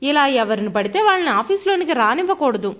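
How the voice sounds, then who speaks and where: A woman's voice: sits high, very animated, a little fast, fairly bright tone. A woman voicing a male office colleague who questions the scene and orders security about. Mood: bossy. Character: curious bossy office colleague man.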